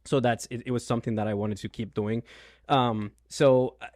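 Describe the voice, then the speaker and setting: A man's voice: mid-range voice, steady tone, normal speed, darkish tone, no room sound, studio quality. A man in his thirties from Venezuela with a Venezuelan Spanish accent, a realtor answering interview questions with many ums and restarts. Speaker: realtor, guest. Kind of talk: casual interview.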